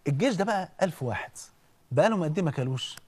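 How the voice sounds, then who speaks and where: A man with an Egyptian accent preaching in an animated, conversational storytelling way, often checking in with listeners. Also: fairly high pitch, very fast, breathy edge. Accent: Egyptian Arabic. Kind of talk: storytelling sermon.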